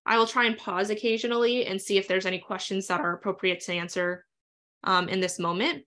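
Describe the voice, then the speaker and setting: Woman webinar instructor, bright tone, fast and casual with lots of filler words. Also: medium pitch, fairly even intonation. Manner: fast, chatty, lots of ums and uhs. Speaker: instructor leading a live webinar. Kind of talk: live software tutorial with screen share.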